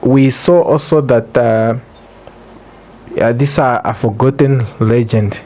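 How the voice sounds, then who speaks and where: Mellow-voiced Namibian man explaining earnestly. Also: mid-range voice, slow. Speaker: podcast guest. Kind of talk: casual explanatory interview talk.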